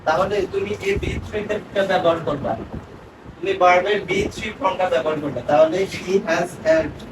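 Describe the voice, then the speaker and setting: Guy teaching english grammar, kinda high voice, quizzes the student and repeats answers, far from the mic in an echoey room with traffic going by. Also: normal speed. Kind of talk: spoken grammar lesson.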